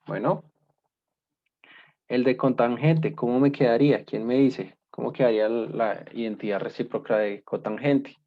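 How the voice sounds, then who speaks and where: Speaking at medium pitch and moderate pace, a man teaches basic math, explaining patiently step by step. He often checks in with "¿listo?" and "¿cierto?", and the class recording is dull and lo-fi.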